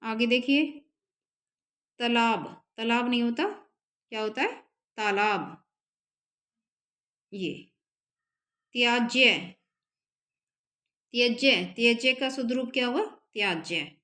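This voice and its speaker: A woman teacher runs an exam-prep spelling lesson. Her voice sits a little high, and her pace is slow and deliberate. She repeats each word patiently so her students can follow along. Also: bright, forceful tone. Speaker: Hindi teacher.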